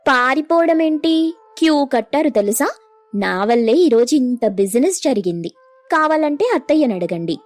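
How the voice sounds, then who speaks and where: A woman voicing a vain, talkative young daughter-in-law in an animated story, sassy and boastful. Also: sits high, normal speed, soft background music. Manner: sassy, boastful, loud hawking.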